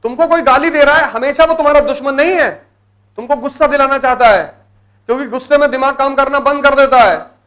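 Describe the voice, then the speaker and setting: A man's voice: very high voice, a little fast, a bit bright. A middle-aged man giving a motivational lecture to exam students, exhorting them with blunt commands and repeating key words for emphasis.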